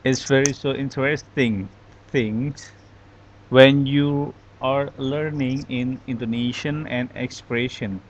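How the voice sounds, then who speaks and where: A man, teaching an online English class and giving feedback in a slow, halting way. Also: medium pitch, steady tone, a little hiss or hum, low-quality recording. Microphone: online class audio.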